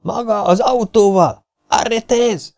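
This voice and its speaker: A man's voice: fairly high pitch, very animated, gravelly, a little mellow, pitched above the performer's own voice. A man voicing a harried male war correspondent who calls out urgently and pleads.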